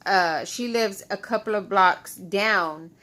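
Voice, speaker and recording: A woman vlogger speaks slowly in a medium-pitched, slightly bright voice during a casual storytime chat with followers. Her tone is frustrated and repetitive, the mic is close, and her speech suggests loose dentures missing adhesive.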